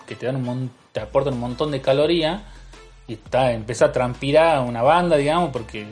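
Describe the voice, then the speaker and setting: A man in a casual chat, talking with many pauses and restarts. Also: medium pitch, a little mellow, faint music behind. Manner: hesitant, many restarts and fillers.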